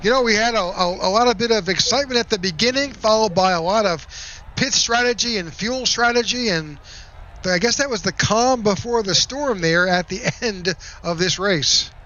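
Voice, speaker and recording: High, bright-voiced race announcer man. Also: moderate pace, muffled recording. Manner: upbeat announcer, reads results in a steady list. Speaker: play-by-play announcer. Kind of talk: race broadcast commentary.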